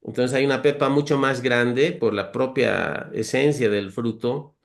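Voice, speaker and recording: This is a conversational Bible lesson from a man of ordinary pitch whose voice is creaky, his tone steady and his pace measured. He reads verses out and explains them earnestly, lists virtues in turn, and calls the listeners brothers while offering homely, humorous comparisons.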